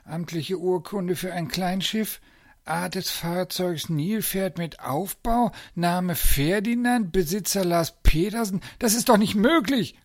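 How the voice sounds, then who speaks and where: A man playing a shrill, sputtering zoo director. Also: normal speed, hardly any pauses, fairly bright tone. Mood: outraged. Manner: high-pitched, sputtering, indignant. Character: blustering male zoo director, shrill, flustered.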